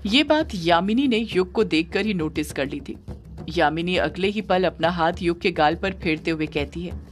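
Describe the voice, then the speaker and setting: A woman narrating a scripted audio story in a steady, measured way. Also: fairly low pitch, a little hiss or hum.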